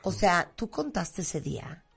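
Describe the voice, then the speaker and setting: A host in a casual chat, teasing and prompting the guest with lively questions. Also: medium pitch, unhurried, creaky, slightly rough, soft background music.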